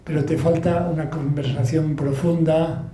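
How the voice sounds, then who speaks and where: A book author with a Spanish Basque accent gives a relaxed, anecdotal talk to an audience in a club hall, telling stories with laughs and frequent restarts. His voice is mellow and slightly high, with a level tone and measured pace, recorded in an echoey room with faint ambience.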